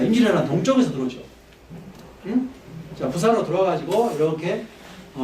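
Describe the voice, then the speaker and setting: Male history lecturer, lively and pitch-swinging, quizzes the audience; echoey hall, slightly off-mic. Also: far from the mic, slight background noise. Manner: conversational, poses questions to the audience.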